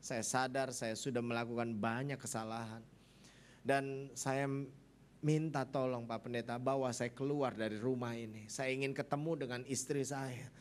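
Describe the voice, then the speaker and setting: A man's voice: mid-range voice, fairly even intonation, slight background noise, close to an everyday voice. A man playing a weeping husband begging for help. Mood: pleading, tearful. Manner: slow, pleading. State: crying. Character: broken, weeping husband pleading for rescue.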